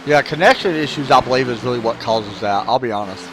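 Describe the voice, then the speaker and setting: A man's voice: medium pitch, fast talker. A man hosting his own stream and giving casual, joking race commentary, sometimes chewing as he talks. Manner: laid-back, joking, talks while chewing. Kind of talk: casual sim-racing commentary. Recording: clear background noise.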